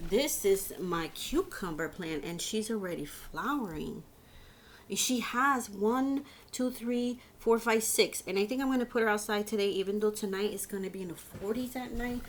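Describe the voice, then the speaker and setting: Slight background noise sits under this medium-pitched voice. She's a woman in her 50s who hosts a home and shopping channel, talking loosely and haltingly to her audience.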